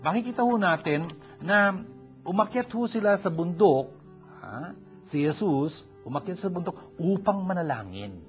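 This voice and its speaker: A man's voice: sits high, lively intonation, a little slow. A man with a Filipino accent preaching a sermon, mixing English phrases into his talk with many fillers. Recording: dull lo-fi recording with faint music.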